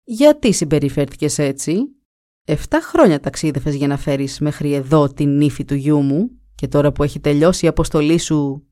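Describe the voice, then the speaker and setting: A woman's voice: low voice, animated, mellow, no echo, studio quality, voice pushed down. A woman reading a folk tale aloud and voicing a stern older king who talks in a commanding, reproachful way. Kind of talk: storybook reading.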